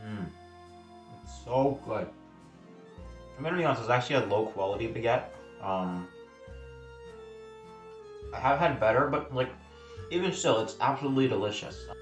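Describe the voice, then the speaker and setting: A man's voice: medium pitch, lively intonation, brisk, long pauses, reverberant, recorded from a distance, faint music behind. A man talking casually in a food vlog, chatty and self-deprecating, tasting food as he goes. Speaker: food vlogger.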